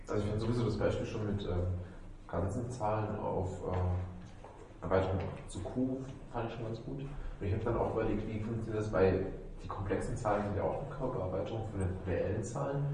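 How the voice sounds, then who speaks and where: A man's voice: lowish voice, a little fast, mellow. A male student asking hesitant questions in a tutoring session, with fillers and restarts. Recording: echoey room, mic far off, faint noise.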